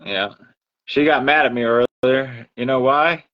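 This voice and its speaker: A man's voice: mid-range voice, unhurried. A man chatting casually on a livestream as its host, telling everyday stories in a talkative way. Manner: chatty storyteller, acts out others' remarks. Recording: dull lo-fi audio.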